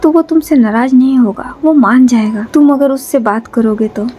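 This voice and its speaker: A woman voicing a calm, teasing young man in a storybook reading. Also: high-pitched, moderate pace, breathy edge.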